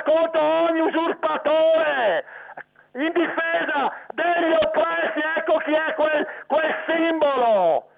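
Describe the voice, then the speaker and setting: A woman with a northern Italian Veneto accent phoning in her opinion, emphatic and repetitive, with halting phrasing. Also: sits high, gravelly. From Veneto, Italy. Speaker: phone-in listener. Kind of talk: spontaneous phone-in opinion. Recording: tinny phone line with crowd murmur.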